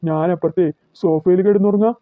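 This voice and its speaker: Male actor as a cartoon husband and uncle, high-pitched, dry and tinny dub. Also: fairly even intonation, brisk, no room sound, close to an everyday voice. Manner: puzzled musing, talking to himself. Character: adult man, an uncle and husband. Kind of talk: cartoon voice acting. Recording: tinny phone-like dry recording.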